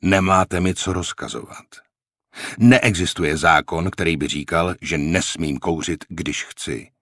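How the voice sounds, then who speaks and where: A man's voice: a bass voice, very animated, breathy edge, dry recording, studio quality, full character voice. A man playing a cocky, defiant American corporal. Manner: insolent, slow, mocking politeness.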